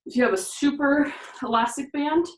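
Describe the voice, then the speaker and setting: Talking through each exercise as she does it and counting the reps, a slightly breathless fitness instructor leads a workout demo at normal speed. Her somewhat high voice comes from a distant camera mic in an echoey room, with a little hiss or hum.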